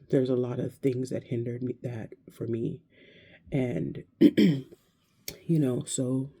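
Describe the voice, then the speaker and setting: A woman in her thirties talking to camera in a casual, reflective vlog, hesitant and searching, with many pauses and restarts. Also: rumbling low, warm tone, husky. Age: 30s. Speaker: vlogger.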